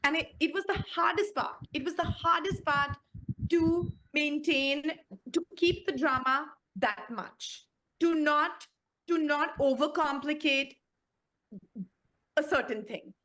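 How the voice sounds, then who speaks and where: A woman's voice: high-pitched, slow pace, fairly bright tone, a little hiss or hum, poor audio. A woman in her forties with an Indian English accent, answering in an interview and searching for words as she goes. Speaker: show creator.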